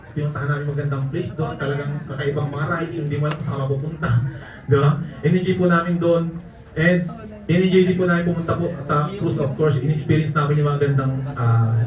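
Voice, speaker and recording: A man's voice: on the high side, fairly quick, crowd noise. A man telling jokey travel stories to a live audience, laughing often as he speaks, recorded from a distance in an event hall. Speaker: network marketing speaker. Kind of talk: storytelling talk to a live audience. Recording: echoey hall, distant mic, audience noise.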